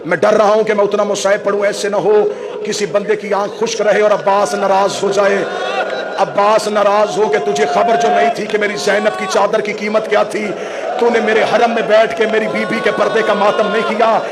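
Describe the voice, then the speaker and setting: A man delivering an impassioned sermon, wailing and rising to shouts, at a large mourning gathering. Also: high-pitched, flat delivery, normal speed. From Pakistan. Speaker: Shia cleric delivering a majlis. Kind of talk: emotional sermon recitation. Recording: noisy crowded gathering, live mic.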